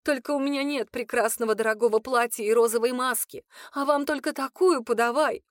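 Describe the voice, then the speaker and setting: A woman voicing a young female cook, normally quiet, now sharp and indignant with hurt. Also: fairly high pitch, brisk, no room sound, clean studio sound, pitched above the performer's own voice, lightly acted. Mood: bitter.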